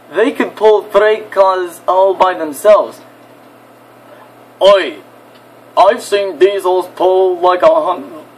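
A man doing a pair of chatty twin engines from Scotland, in a put-on Scottish accent that keeps slipping. The voice sits a touch higher than his own and moves slowly, stumbling and restarting. A faint hiss lies under the recording. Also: rough recording. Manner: halting, frequent restarts.

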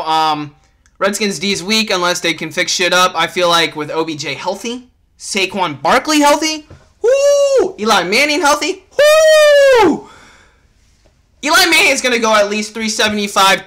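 A man's voice: high voice, pushed and bright. Fired-up young man ranting about sports. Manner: fired-up, swearing, rambling. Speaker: podcast host. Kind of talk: casual sports rant.

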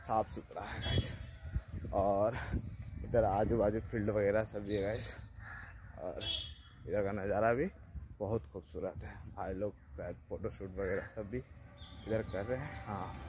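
A young man with a Bihari Hindi accent hosts a casual walking travel vlog, chatting to his viewers and saying "guys" again and again. His voice sits a little low for a man. The phone recording picks up plenty of outdoor noise around him. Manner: chatty, says "guys" constantly; drops to a hushed voice near guards. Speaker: travel vlogger. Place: outdoors on roads and near a factory gate.

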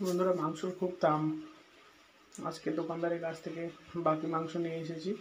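Man with mouth full, rapid flat delivery, eating-show vlogger, faint hiss behind. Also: on the high side. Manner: talks between bites, addressing friends. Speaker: food vlogger. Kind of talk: casual eating-show chat to viewers.

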